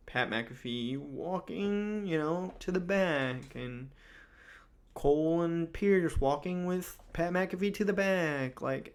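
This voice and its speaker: A man's voice: mid-range voice, vocal fry. A man hosting a casual wrestling recap, talking loosely with lots of fillers and restarts. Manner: rambling, many fillers and restarts.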